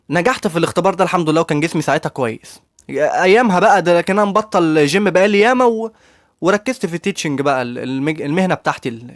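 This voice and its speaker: A man's voice: on the high side, no room sound, clean studio sound. A young man with an Egyptian accent telling his own story in a casual, chatty vlog, talking straight to his viewers. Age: young adult. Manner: rapid, chatty, addresses viewers directly. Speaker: YouTuber giving student advice.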